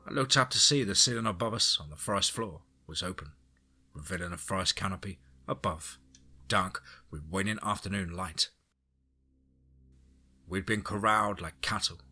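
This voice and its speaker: A man's voice: low-pitched, moderate pace. A man narrating a first-person horror story in a dramatic, suspenseful way. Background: soft background music.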